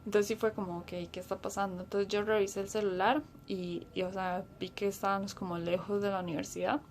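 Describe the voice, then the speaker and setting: A woman recounts an experience in a mid-pitched, conversational voice. She hesitates often and quotes what others said along the way, with a faint noise underneath. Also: level tone, fairly quick, darkish tone. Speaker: interviewee. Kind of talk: casual recollection.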